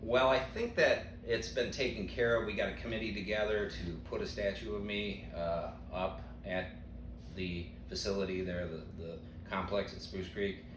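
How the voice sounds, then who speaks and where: A deep-voiced older man who is retiring from teaching delivers dry, deadpan, sarcastic answers in an interview at a moderate pace. The sound is echoey and roomy, the mic set at a distance, with background noise.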